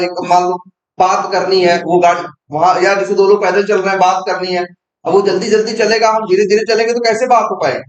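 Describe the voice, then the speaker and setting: A man's voice: sits high, reverberant. A young man teaching programming in an informal lesson, asking himself questions and answering them as he explains.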